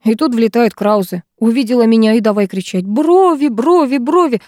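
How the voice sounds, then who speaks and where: A cheerful, joking husband, as a woman reader puts him on, teasing in a lighthearted way. The voice is mellow and fairly high, recorded dry and close. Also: steady tone, a little fast, no echo, lightly acted. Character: cheerful joking adult man, a detective husband. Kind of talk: audiobook character voice.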